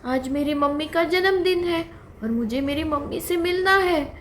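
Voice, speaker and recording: Woman voicing a squeaky, weepy baby deer for a kids' puppet story. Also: big pitch swings, slow, a little hiss or hum, heavily acted. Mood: tearful pleading. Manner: crying, pleading. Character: small scared baby deer, tearful and pleading.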